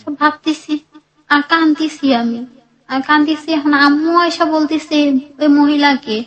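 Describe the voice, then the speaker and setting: This woman's voice sits high, with fairly even intonation at a normal speed, captured on a rough recording. Telling the story of her life, she wanders emotionally, starts over often, and performs quoted lines.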